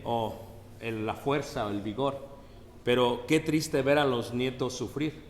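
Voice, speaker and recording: A man's voice: medium pitch, reverberant, long reverb tail. A man preaching a sermon in a conversational way, often asking the congregation questions. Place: church.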